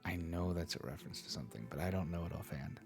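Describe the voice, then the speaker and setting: A man's voice: low-pitched, quick pace, vocal fry. A sleepy, yawning man reading a book aloud on his live stream, breaking off for self-mocking asides, with faint music behind.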